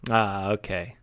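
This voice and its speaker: A man who speaks English as his first language talks very slowly and deliberately, with a smooth, clear voice, teasing his co-host. The sound is dry and close, with no room around it. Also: lowish voice, a bit bright, no room sound. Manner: teasing, slow deliberate phrasing. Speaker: podcast co-host. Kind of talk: casual chat.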